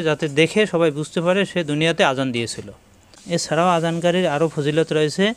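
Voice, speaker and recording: A man teaching an online Quran lesson, spelling words letter by letter and chanting slow examples. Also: a little high, clear, resonant tone. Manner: chants the call to prayer slowly in demonstration.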